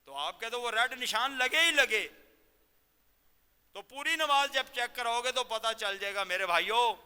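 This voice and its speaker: A man giving a Ramadan sermon as a cleric, exhorting and questioning his listeners and slowing down to demonstrate careful recitation. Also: extremely high pitch, lively intonation, pushed and bright, smooth. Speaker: cleric teaching Quran lesson. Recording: long reverb of a large hall.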